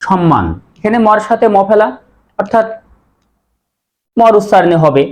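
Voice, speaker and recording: Male teacher, slightly raised pitch, patient drilling delivery, asks the class questions. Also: lively intonation. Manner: repeats words slowly and asks students questions. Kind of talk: pronunciation lesson.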